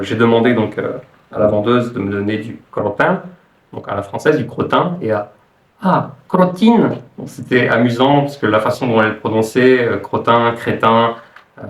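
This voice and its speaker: A man with a mid-pitched voice explains things like an informal language teacher. He hesitates and thinks aloud as he goes, recorded in a clearly echoey room. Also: distant mic.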